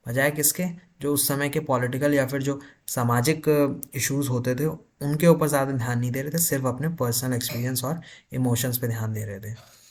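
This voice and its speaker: A man teaching literature for an exam, explaining in Hindi with terms and reading notes slowly. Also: medium pitch, steady tone, darkish tone. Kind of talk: exam-prep lecture.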